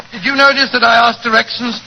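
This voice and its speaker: A man's voice: extremely high pitch, gravelly, lo-fi sound, exaggerated voice. A man acting an amiable, bumbling, easily startled English doctor sidekick in a 1940s radio drama. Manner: blustering, bumbling. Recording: noisy 1940s radio recording.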